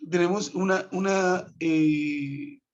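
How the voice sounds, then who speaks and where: A man's voice: high-pitched, steady tone, slow. A man teaching an English grammar class over a web conference, patiently walking through each rule step by step and checking in with his students. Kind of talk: online class explanation. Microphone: web conference computer mic. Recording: dull lo-fi web conference audio.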